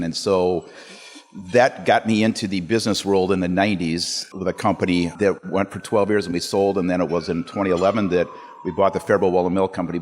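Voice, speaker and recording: A man recounts his career on a business panel in a steady, matter-of-fact way. His voice is very deep. A long hall reverb surrounds it. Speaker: panelist, company owner. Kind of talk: panel discussion.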